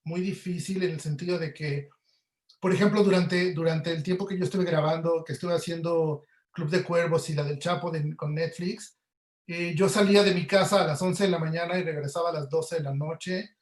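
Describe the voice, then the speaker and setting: His voice is a little high, with a steady tone and moderate pace. He's an audio producer appearing as an interview guest, speaking with a Mexican Spanish accent and explaining things casually through everyday examples over echoey, roomy webinar audio.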